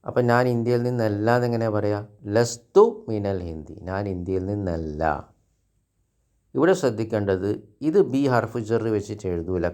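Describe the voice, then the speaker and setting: Man from india, fairly low voice, grammar teacher, slow drawn-out examples, quizzes the class. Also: darkish tone. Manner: slow, drawn-out example sentences with questions to learners. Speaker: Arabic teacher. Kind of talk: grammar lesson.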